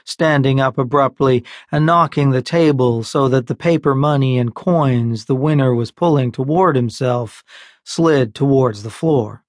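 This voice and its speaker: A man narrating an audiobook in a measured, unhurried storytelling manner, recorded close on a studio mic. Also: medium pitch, dry recording. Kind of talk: scripted narration.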